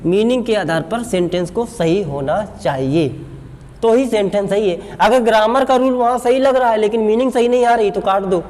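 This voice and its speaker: High-voiced man teaching, echoey room. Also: normal speed, a little mellow. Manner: asks the class questions and answers them himself. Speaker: English teacher. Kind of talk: classroom lecture. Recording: echoey classroom with faint background noise.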